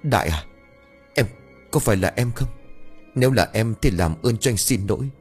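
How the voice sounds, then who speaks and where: A man's voice: lowish voice, lively intonation, normal speed, darkish tone, breathy edge, soft background music. A man voicing a worried young husband who calls out and pleads in an anxious, raised voice. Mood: anxious pleading.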